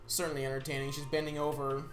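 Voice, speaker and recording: A man's voice: medium pitch, completely flat delivery, fast, roomy sound, soft background music. A man co-hosting a casual movie review chat, laid-back, swearing often and laughing through his lines. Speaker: podcast co-host.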